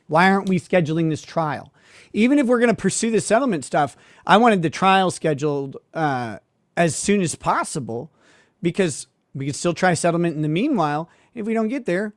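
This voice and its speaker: A man tells a story in a loose, sarcastic monologue, mocking the people in it and stopping to laugh. His voice sits a little high for a man. The sound is dry and close, with no room echo. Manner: sardonic, mocking, with laughs and filler words. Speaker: suspended lawyer and streamer.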